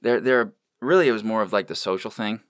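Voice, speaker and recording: Laid-back deep-voiced male podcast host. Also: a little fast, no room sound, studio quality. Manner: laid-back, swears freely, many fillers. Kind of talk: casual chat. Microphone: studio microphone without headphones.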